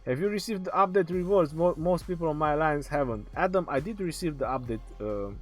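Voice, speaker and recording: A male game streamer with a slightly high, fraying, hoarse voice is losing his voice as he hosts a casual live Q&A, speaking a little fast. He reads chat questions aloud, answers them, and laughs often, with faint music in the background.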